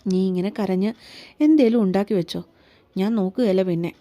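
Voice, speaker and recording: A woman voicing a teasing, tender young husband in a read-aloud romance story, with a gentle coaxing tone. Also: medium pitch, normal speed, lightly acted. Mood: pleading.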